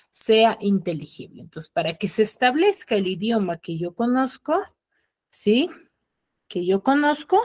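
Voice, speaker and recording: A woman teacher from the highlands, giving an online class and checking in with her students through frequent tag questions. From Peruvian highlands.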